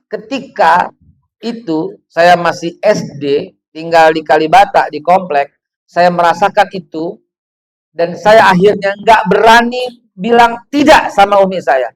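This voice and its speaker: Male preacher in his fifties, high voice, lively storyteller who keeps asking questions. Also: measured pace, poor audio. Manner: animated storytelling, rhetorical questions. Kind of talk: sermon to women's gathering.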